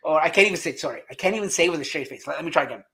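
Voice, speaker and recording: A man's voice: a little high, animated, racing, a bit bright. A man hosting a casual podcast chat, joking and laughing often as he steers the talk. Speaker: podcast host.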